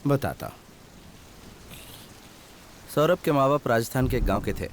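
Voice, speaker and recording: A man voicing a calm young man who hates loud voices, telling stories and teasing in a relaxed way, in a dubbed film. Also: medium pitch, normal speed, slight background noise, natural voice. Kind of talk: Hindi film dub.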